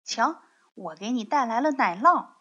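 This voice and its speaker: A woman voicing a polite, curious little city mouse that sounds gently pleased. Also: on the high side, animated, normal speed, husky, heavily acted. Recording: dull lo-fi recording.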